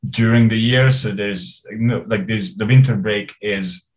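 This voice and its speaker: A man's voice: lowish voice, a little slow, darkish tone, low-quality recording. Chuckling hesitant man from Hungary. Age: 40s. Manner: rambling, hesitant, laughs often. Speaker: interview guest. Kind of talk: casual conversational interview.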